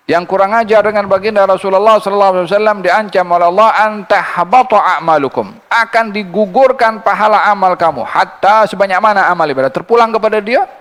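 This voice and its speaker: A man giving a Quran commentary lecture, reciting verses slowly and then explaining them in a lively teaching voice. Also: high voice. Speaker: religious teacher. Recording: long hall reverb.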